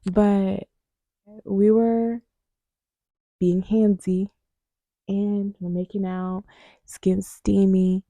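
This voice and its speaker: Gravelly, mellow-voiced woman vlogger. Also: medium pitch, flat delivery, extremely slow, long pauses, no room sound. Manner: frank and profane, with sudden loud outbursts; drops to a hushed, near-whispered aside at times. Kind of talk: candid casual storytelling.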